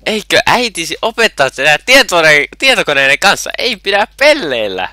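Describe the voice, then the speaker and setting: A man jokes and teases his friend while gaming, with a very bright, sharp edge to his voice. His pitch swings widely as he goes. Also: sing-song, no echo, studio quality. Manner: teasing, joking. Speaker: gamer. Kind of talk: casual gaming chat.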